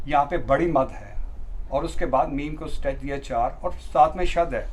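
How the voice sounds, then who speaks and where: A middle-aged man teaching beginners to read the Quran. He explains the rules patiently, step by step, and recites verses slowly with long stretched tones. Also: mid-range voice.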